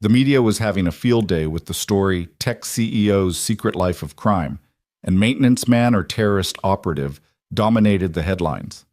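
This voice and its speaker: A man narrates a dramatic story in an even, measured manner. His voice sits on the low side. The recording is close and dry, with no room sound. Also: no echo.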